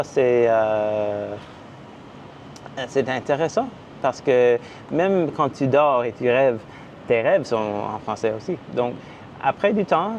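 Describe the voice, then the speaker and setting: A man's voice: mid-range voice, darkish tone, dull audio, slight background noise. Hesitant man vlogging casually. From Canada. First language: English. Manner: hesitant, searching for words with frequent fillers. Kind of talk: casual vlog to camera.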